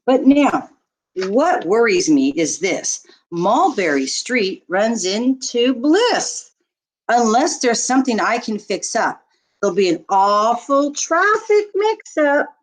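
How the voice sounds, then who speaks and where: Fairly high-pitched and very animated, a woman reads a rhyming picture book to young listeners. Her reading is expressive and deliberate, the way a teacher would tell a story.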